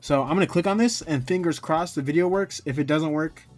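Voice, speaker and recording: Over soft background music, this man's fairly high-pitched voice moves along at a fairly quick clip. He makes tutorial videos and rambles informally through a casual gameplay walkthrough, frequently joking at his own expense.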